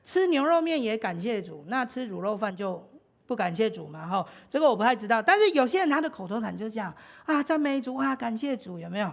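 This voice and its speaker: A woman's voice: a little high, sing-song, quick pace. A woman with a Taiwanese Mandarin accent preaching a church sermon in a chatty way, full of fillers and laughter.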